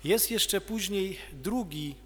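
Slow, measured priest in echoing church. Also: male voice, sits high, lively intonation. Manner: slow, measured homily with pauses. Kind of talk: sermon. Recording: long church reverb.

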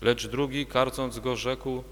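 Male narrator for a church reading, steady, long reverb. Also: mid-range voice, slow. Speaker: narrator of the Passion. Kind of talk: liturgical reading.

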